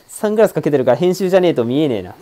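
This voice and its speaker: A man giving casual commentary over a game, excitable and joking as he talks back at the screen. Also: fairly high pitch, rapid-fire, a little hiss or hum. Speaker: let's-play streamer.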